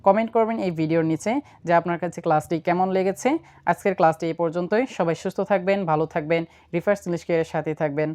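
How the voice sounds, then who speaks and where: Low-voiced woman teaching English numbers. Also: a little mellow. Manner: slow, deliberate counting drills; mixes formal English phrases into explanations. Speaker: English instructor and channel founder. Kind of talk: online language lesson.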